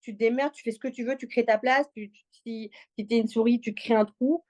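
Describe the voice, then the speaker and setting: A woman originally from Congo, who moved to Belgium at six, shares personal stories casually and with slang in an interview. Her voice sits on the high side, a little fast and a little mellow, with a steady tone.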